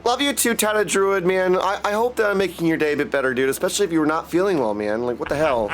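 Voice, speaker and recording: A fast-talking man with a fairly high, expressive voice chats casually on a livestream, greeting his viewers with effusive affection and often calling them "dudes."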